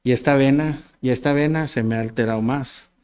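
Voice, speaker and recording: A man's voice: medium pitch, fairly quick, a little mellow, clean tone. A man in his forties, a pastor, preaching a sermon in a conversational, self-deprecating storytelling manner, often stumbling and repeating words. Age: 40s.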